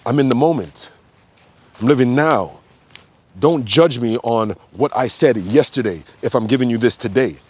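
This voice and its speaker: A man's voice: medium pitch, a little mellow. A man, a yoga teacher, talking in a loose, unscripted monologue, blunt and profane, with sudden emphatic outbursts. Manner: loose, repetitive phrasing with frequent fillers. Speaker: yoga teacher and health coach.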